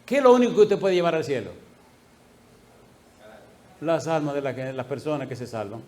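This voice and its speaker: A male pastor preaching a sermon, telling a story with lively laughter and acted-out voices. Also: on the high side, normal speed. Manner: animated, laughing, acting out quoted voices.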